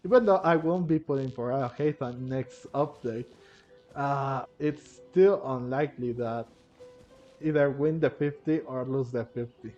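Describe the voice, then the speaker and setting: A gaming video creator offers casual gameplay commentary, thinking aloud hesitantly and often repeating himself. His mid-range voice is darkish and a little slow, captured on a dull, lo-fi microphone with faint game music behind him.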